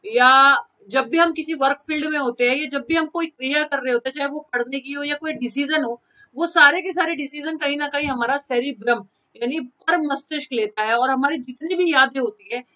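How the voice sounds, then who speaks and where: Woman, high voice, crisp bright tone, live online teacher, repeats key terms. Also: rough recording. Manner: mixes Hindi and English terms, repeats key phrases; addresses students by name from chat.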